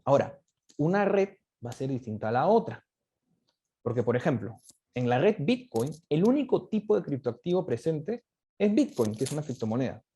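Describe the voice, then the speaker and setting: A man's voice: on the high side, warm tone, breathy edge. A man giving a lecture with slides, explaining step by step and often ending points with a tag question. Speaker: guest speaker on crypto economics.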